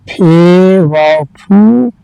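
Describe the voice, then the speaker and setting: A man teaching reading, spelling each word out letter by letter and then reading it slowly and patiently. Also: sits high, gravelly, dark tone, clear, resonant tone, no room sound, low-quality recording. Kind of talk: slow letter-by-letter reading lesson.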